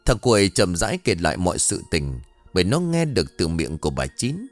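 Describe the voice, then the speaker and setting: A man, narrating a story in a dramatic, expressive way. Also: sits low, fairly quick, no echo, soft background music.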